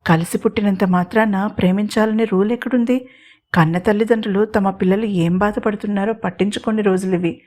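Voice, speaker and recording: A woman voicing a sad, soft-spoken young woman who speaks quietly and earnestly. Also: mid-range voice, fairly even intonation, fairly quick, natural voice. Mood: wistful.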